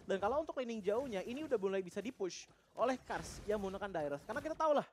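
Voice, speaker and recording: A man's voice: sits high, animated, racing, slight background noise. A man giving wordy, explanatory esports analysis as a game commentator.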